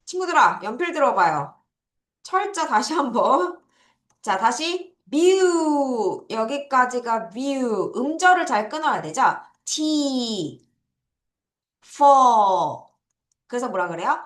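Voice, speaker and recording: A woman teaching English words to children, drilling them slowly and laughing now and then. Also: on the high side, big pitch swings, a bit bright. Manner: slow, drawn-out drilling of words. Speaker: English tutor. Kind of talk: online vocabulary lesson for children. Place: classroom. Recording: echoey room.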